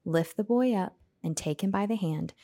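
A woman reading a scripture passage aloud in a slow, measured way. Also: medium pitch, warm tone, no echo, clean studio sound. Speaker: reader in a Bible discussion.

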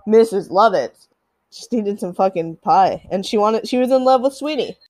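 A woman's voice: medium pitch, lively intonation, normal speed, a little mellow, no echo. A young woman co-hosting a podcast, agreeing a lot and laughing easily as she chats about films. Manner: giggly, agreeable, chimes in often. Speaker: podcast co-host. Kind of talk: casual film discussion.

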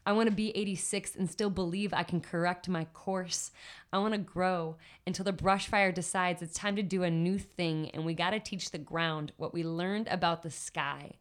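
A woman with a slightly low voice, a guest on a podcast. She talks animatedly and shifts easily into rhythmic, expressive spoken word recitation. Her delivery builds and flows with the cadence of performed poetry. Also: normal speed. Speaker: poet and guest.

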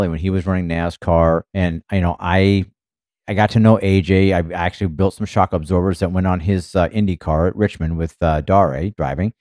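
A man's voice: low voice, a little mellow, no echo, studio quality. A man co-hosting a podcast, chatting casually about motor racing in a rambling way full of fillers. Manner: rambling, filler-heavy, many "you know"s. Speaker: podcast co-host, former racing team member.

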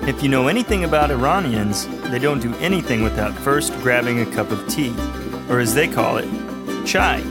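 A man from Texas, co-hosting a scripted language podcast as the student and reading his lines in an even delivery. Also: medium pitch, moderate pace, over loud music. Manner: even, read-aloud delivery. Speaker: student co-host.

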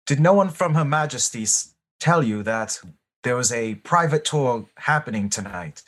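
A man voicing a bluffing male character in a deliberately bad British accent during a tabletop game. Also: medium pitch, animated, fairly bright tone. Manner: cheeky, bluffing. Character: smooth-talking male con man posing as official.

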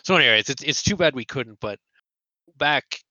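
A man's voice: medium pitch, animated, very fast, pushed and bright, no echo. A man co-hosting a podcast in casual chat, with playful, self-mocking asides. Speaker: podcast co-host. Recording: dull, dry lo-fi sound.

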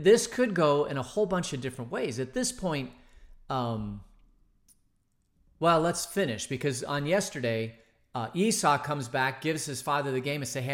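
A man's voice: medium pitch, animated, normal speed. A man leading an informal Bible study, talking it through conversationally with fillers and restarts, and acting out the characters' lines as he retells the story. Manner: conversational, thinking aloud with many fillers and restarts; acts out the characters' lines in quoted voices. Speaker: Bible teacher.

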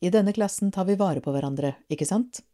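Brief: firm, lecturing male teacher in a storybook, a woman reads him low and warm. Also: lightly acted. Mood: stern. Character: stern male schoolteacher.

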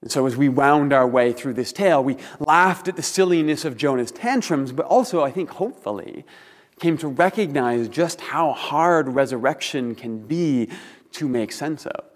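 A man preaching a sermon as a pastor, speaking in deliberate, earnest phrases with rhetorical pauses, in a large empty room. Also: on the high side. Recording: reverberant empty hall.

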